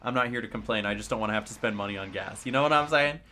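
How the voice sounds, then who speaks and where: A man's voice: on the low side, very fast, bright, forceful tone, a little hiss or hum. A man in his late twenties streaming a game, chatting casually, ranting with sarcasm as he answers chat. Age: late 20s. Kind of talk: casual livestream chat while playing a game.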